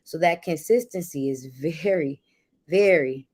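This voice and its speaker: A woman co-hosts a livestream with casual, motivational talk. Her voice is a bit low for a woman. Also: unhurried, a little mellow. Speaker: livestream co-host, content creator.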